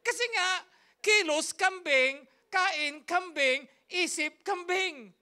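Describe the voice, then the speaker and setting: A woman's voice: extremely high pitch, slow, bright, forceful tone. A woman pastor, telling a story in a sermon with emphatic, repetitive, rhythmic phrasing. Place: church service.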